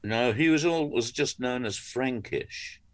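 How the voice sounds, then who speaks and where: A man's voice: mid-range voice, unhurried, no room sound. A man with dry, wry humor, recalling his days writing for television in an interview. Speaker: television writer and co-creator. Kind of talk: anecdotal interview chat.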